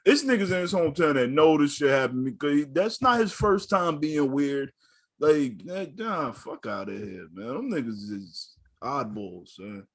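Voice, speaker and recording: A young man co-hosting a casual podcast, his voice sitting a bit high. He argues in a heated, profane way, acting out the people he quotes as he goes. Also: lively intonation, normal speed. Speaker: podcast co-host.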